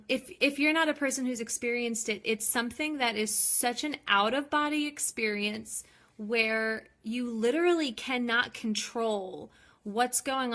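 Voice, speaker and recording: A woman's voice: on the high side, sharp tone. A woman, talking openly and casually in a personal vlog, with many ums and likes. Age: 20s. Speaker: vlogger.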